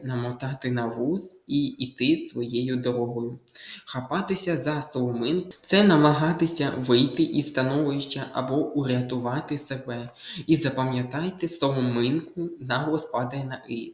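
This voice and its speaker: Methodical male tutor in an echoey room. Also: mid-range voice. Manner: methodical, repeats key answers. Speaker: Ukrainian language tutor. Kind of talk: exam walkthrough lesson.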